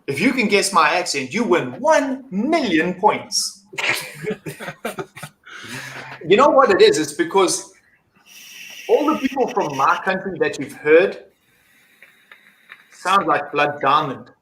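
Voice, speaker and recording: A man with an English South African accent is a guest on a live stream, rambling loosely and swearing casually. His voice is high, bright and pushed, with a sing-song lilt, a slow pace and frequent pauses. The roomy mic picks up faint noise.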